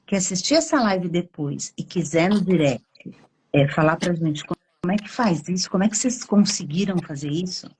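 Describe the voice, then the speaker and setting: A Brazilian woman psychologist explaining on a live stream, acting out inner thoughts with drawn-out, expressive emphasis. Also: fairly low pitch, a little hiss or hum. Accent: Brazilian Portuguese.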